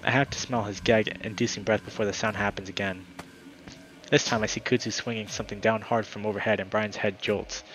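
A gaming YouTuber with a fairly low voice reads a visual novel aloud a little fast, pushing the narration dramatically in a fairly even intonation. He breaks off now and then for casual asides to viewers, while soft music plays faintly and the recording sounds rough.

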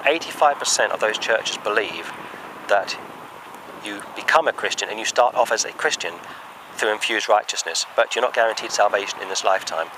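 A man's voice: fairly low pitch, fairly quick, background noise. A man preaching a sermon outdoors, earnest and emphatic, reading from the Bible between points.

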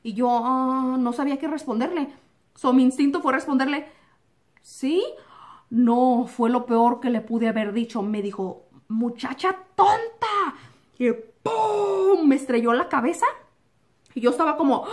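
A woman's voice: sits high, a little fast. A young adult woman vlogger telling a personal story to camera, acting out quotes and sound effects and slipping in English words. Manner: animated, acts out quotes and sound effects like "pum"; drops English words into Spanish.

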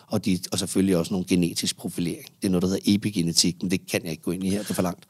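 Deep husky dude, therapist guest on a podcast, lots of restarts, dry close mic. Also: male voice, no room sound. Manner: animated, explanatory, frequent restarts. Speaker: psychotherapist guest. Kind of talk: casual podcast conversation.

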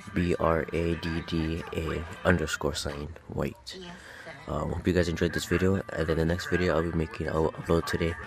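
A man talks casually into a phone held right at his face, in a very low voice with a gravelly edge. He pauses often with ums and restarts his sentences. Music plays clearly behind him in a small room. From Hawaii. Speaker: vlogger. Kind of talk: casual chat to camera. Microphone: phone held close to the face.

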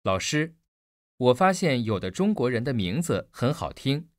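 A man's voice: medium pitch, very animated, normal speed, no echo, studio quality. A man playing a student in a scripted textbook listening dialogue, asking curious questions.

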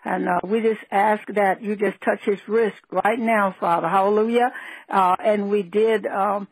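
Prayer-line leader, husky, dry phone sound, steady spoken prayer. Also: mid-range voice, a little slow, dry recording, poor audio. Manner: steady praying, repeated hallelujahs.

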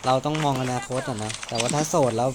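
A man's voice: mid-range voice, steady tone, quick pace, very noisy. A man chatting casually while gaming, laid-back and offering dismissive advice. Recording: loud music behind.

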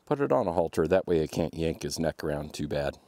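Casting: thirties man, deep gravelly voice, easygoing outdoorsy vlogger, lively delivery. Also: fast, no room sound. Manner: laid-back, chatty, talks to his dog. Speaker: overlanding vlogger. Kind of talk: casual how-to vlog. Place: outdoors at a wooded campsite.

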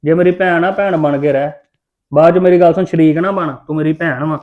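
A brash Punjabi man fires off his lines quickly in a slightly raised voice, teasing and boastful. The recording sounds a little dull and lo-fi. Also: on the high side, steady tone. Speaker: brother in a family drama. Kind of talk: Punjabi web-series acting.

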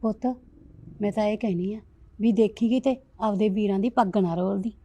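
A woman playing a worried, protective mother who loudly lectures her daughter in a family drama. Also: medium pitch, steady tone, moderate pace, slightly rough. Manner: loud scolding, lecturing. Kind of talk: village family drama acting.

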